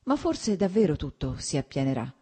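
A woman's voice: sits low, big pitch swings, moderate pace, breathy edge, full character voice. A woman voicing a guilty, self-pitying husband. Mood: musing. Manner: soft, rueful, self-pitying. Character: weak-willed guilty husband, fond of witticisms.

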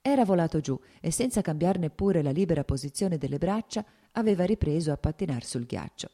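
A woman reads a classic novel aloud in a steady, measured way. Her voice is low-pitched and dark, mellow rather than bright. The delivery is even and unhurried. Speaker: audiobook narrator. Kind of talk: scripted novel narration.

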